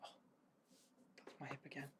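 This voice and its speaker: A man giving a casual whispered ASMR unboxing as host, rambling and correcting himself in a breathy whisper. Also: moderate pace, bright, forceful tone, slight background noise. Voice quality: breathy whisper with creaky edges.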